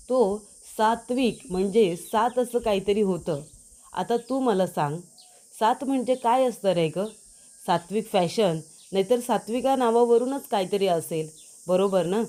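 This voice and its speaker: A woman's voice: medium pitch, warm tone, lightly acted. Woman voicing a sly scheming aunt. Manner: suspicious, insinuating.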